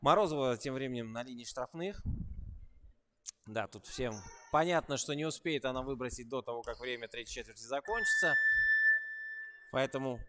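A man giving live basketball play-by-play, calling each move with rising excitement and dropping into relaxed, chatty asides between plays. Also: medium pitch, moderate pace, long pauses, background noise. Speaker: basketball commentator.

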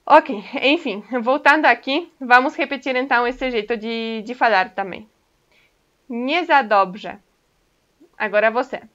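Bright-voiced woman teaching a language. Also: fairly high pitch, normal speed, hardly any pauses. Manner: patient, explains step by step, often checks in with "ok?". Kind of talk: casual online language lesson. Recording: dull lo-fi recording.

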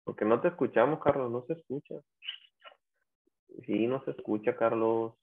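Un hombre que da una clase de inglés en línea, explicando con paciencia paso a paso y llamando a los alumnos por su nombre. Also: male voice, mid-range voice, moderate pace. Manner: patient, explains step by step, repeats students' names. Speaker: English teacher. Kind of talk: online class instruction. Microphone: video call. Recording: tinny lo-fi call audio.

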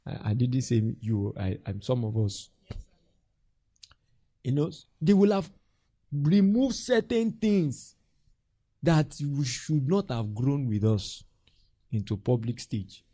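Pastor guy teaching, acts out little stories, dry sound, kinda husky. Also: mid-range voice, slow pace, pauses often, dry recording. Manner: animated storytelling, acts out voices and laughs often. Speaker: pastor and mentor. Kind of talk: mentorship teaching to a group.

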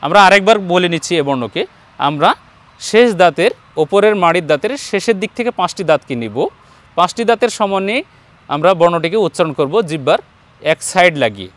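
High-voiced man teaching letter sounds. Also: animated, fairly bright tone. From Bangladesh. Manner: patient, addresses viewers directly, drawn-out letter sounds for repetition. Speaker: Quran teacher. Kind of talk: step-by-step pronunciation lesson.

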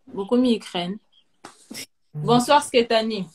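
Fairly high woman hosting a live chat, faint noise behind. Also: slow pace.

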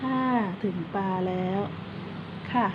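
A woman teaching kindergarten children in an online lesson. She coaxes them patiently and spells words out slowly, one letter at a time. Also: lo-fi sound. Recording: steady background noise.

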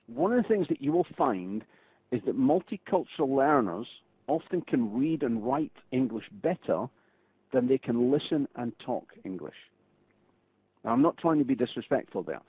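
This middle-aged Scottish man presents a live online training webinar in a mid-range, mellow voice with a breathy edge. His delivery is chatty and conversational, packed with fillers and restarts. The web conference audio is muffled, with no room sound.

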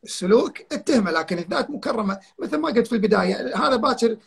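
A man's voice: high-pitched, expressive, quick pace, vocal fry, breathy edge. An older man, a guest on a live online talk, telling stories emphatically and repeating his key points over a video call. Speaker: guest counselor.

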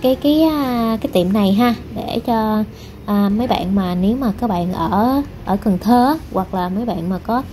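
A woman's voice: mid-range voice, normal speed, dark tone. Rambling woman vlogger. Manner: rambling, many fillers, addresses viewers directly. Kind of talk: casual vlog narration. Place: hair salon, indoors. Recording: noisy background.

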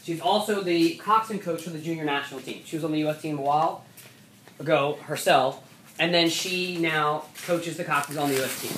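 A woman's voice: low voice, fairly bright tone. A woman speaking as a rowing coach, giving an instructional talk for coxswains in a conversational way, often restarting her sentences. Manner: conversational, many restarts and "so"s, brisk stretches. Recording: echoey room, mic at a distance, faint background noise.

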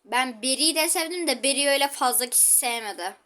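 High, bright-voiced woman gaming. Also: quick pace. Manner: chatty, exclaiming, talks to viewers while playing. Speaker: gaming channel host. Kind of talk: live gameplay commentary.

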